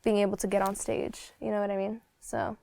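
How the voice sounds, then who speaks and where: A woman's voice: medium pitch, flat delivery, fairly quick, creaky, dark tone, dry recording. A Slovak woman in her twenties, a singer chatting as a guest in an interview, blunt and talkative with lots of fillers. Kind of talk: casual interview chat.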